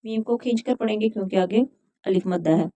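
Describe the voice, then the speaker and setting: A woman teaching Quran recitation rules, chanting verses slowly and then explaining each letter in plain talk. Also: mid-range voice, mellow. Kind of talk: recitation and tajweed instruction.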